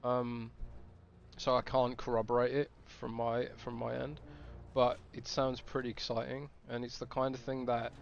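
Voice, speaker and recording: A man's voice: medium pitch, level tone, moderate pace, gravelly, muffled recording. A man streaming a game, chatting casually and thinking aloud with restarts. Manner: rambling, thinking aloud with fillers.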